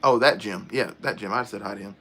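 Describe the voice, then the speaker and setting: A man's voice: on the low side, fast, sharp tone. A middle-aged man, chatting casually on a livestream and answering viewer comments aloud. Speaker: livestream host.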